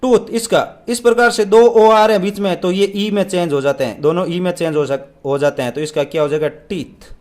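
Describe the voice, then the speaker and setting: A young man teaching an English exam paper, asking questions and answering them himself, reading the English lines out slowly. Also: high-pitched, steady tone, a little mellow. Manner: asks and answers own questions.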